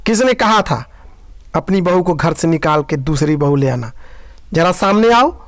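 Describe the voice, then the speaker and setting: A man doing a shrill, scolding old mother-in-law. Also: unhurried, no room sound. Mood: furious. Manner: shrill scolding, shouted threats. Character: stern elderly mother-in-law, sharp-tongued, fiercely protective.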